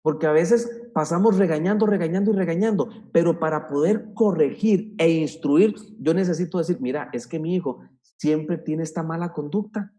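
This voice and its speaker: Male speaker, mellow dark voice, emphatic teaching talk for parents. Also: on the high side, moderate pace. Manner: earnest, emphatic, repeats key points.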